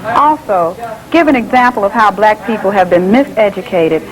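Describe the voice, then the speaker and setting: A woman with a mid-range voice reads scripted narration and audience questions. Her delivery is measured and formal. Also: mid-range voice, poor audio.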